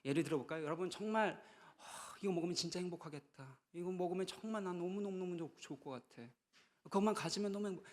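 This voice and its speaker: Higher-voiced man preaching conversationally. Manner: conversational preaching, rising to emphatic bursts. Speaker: pastor. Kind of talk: sermon at a retreat.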